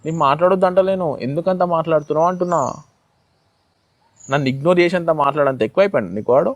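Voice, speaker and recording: A man's voice: fairly high pitch, fast talker, no room sound, muffled recording. A young man acting in a love drama, pleading and insistent, repeating himself. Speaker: lead actor in a web drama. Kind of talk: acted love-drama dialogue.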